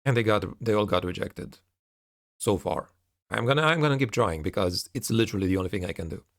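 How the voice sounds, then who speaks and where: A man's voice: fairly low pitch, lively intonation, fast talker, no echo, clean studio sound. A man giving a casual video update, reading out messages and commenting on them, often repeating and restarting his phrases.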